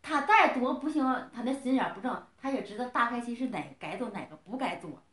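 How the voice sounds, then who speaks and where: A woman's voice: on the high side, expressive, a little fast, fairly bright tone, echoey room. A middle-aged woman scolding someone in a heated family argument, lecturing and firing off repeated questions.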